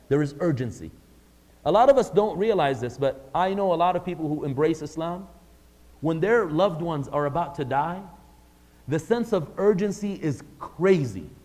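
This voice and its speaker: Speaking in a slightly high, slightly mellow voice, a man gives a religious lesson to a live class. He keeps it conversational and questions his listeners, while a long hall reverb trails his words.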